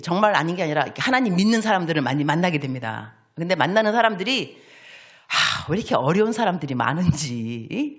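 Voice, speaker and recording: Animated woman preaching a sermon. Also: medium pitch. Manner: animated, acts out voices of children and God, playful asides. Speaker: missionary preacher. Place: church sanctuary.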